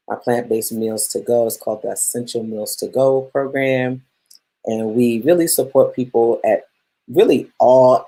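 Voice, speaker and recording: With an extremely low, mellow voice, she runs a live-streamed masterclass as a plant-based chef and health coach. She's originally from Guyana, grew up in Brooklyn, and keeps things upbeat and chatty, welcoming viewers by name.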